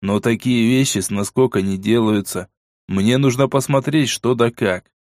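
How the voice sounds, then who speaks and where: Man voicing a gruff, sardonic armed man. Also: normal speed, a little mellow, no room sound, clean studio sound, close to an everyday voice. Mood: gruff, wry. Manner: curt, low and sardonic. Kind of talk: audiobook character voice.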